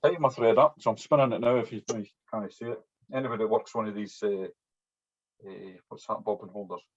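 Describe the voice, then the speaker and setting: Fairly quick and steady in tone, this man's lowish voice is slightly rough and carries a strong, broad Scottish accent. He's a fly-tying instructor giving a chatty, informal hands-on demonstration, often capping his sentences with "yeah". The audio is dull, muffled lo-fi.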